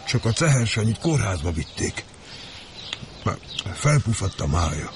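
A man's voice: fairly low pitch, big pitch swings, noisy background. A man playing a gloomy, blunt factory worker who talks coarsely about dead friends and his own health.

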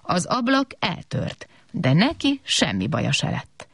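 A woman reads a children's story aloud with a lowish voice. Her pitch swings widely and expressively. The recording is dry and close. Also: vocal fry, husky, no echo. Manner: animated, expressive. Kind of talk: storybook reading.

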